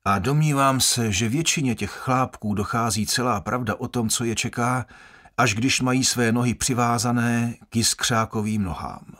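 Man, husky voice, first-person audiobook narration, measured and grave, mid pitch. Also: a bit bright.

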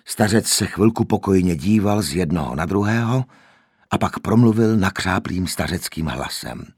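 A man narrating an audiobook with expressive storytelling. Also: low-pitched, slightly rough, no echo, clean studio sound.

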